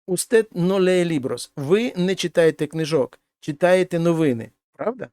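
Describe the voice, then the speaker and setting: Male language teacher, slightly higher voice, patient step-by-step grammar explanations, dry close recording. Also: lively intonation, a little slow, mellow, no room sound. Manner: explains step by step, translating each example. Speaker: Spanish teacher.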